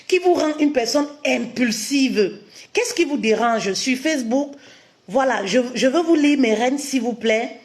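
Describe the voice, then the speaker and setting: Brief: woman relationship coach on a live stream, voice on the high side, keeps punctuating with an insistent "yes" and repeats her points. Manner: punctuates sentences with emphatic "oui", many rhetorical questions; addresses listeners warmly as "my queens", repeats key phrases.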